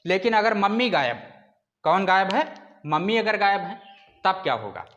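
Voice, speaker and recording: A man's voice: sits high, sing-song, moderate pace, fairly bright tone, dull audio. A man teaching a class, explaining with rhetorical questions and stretching out sounds to demonstrate them. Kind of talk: classroom lecture.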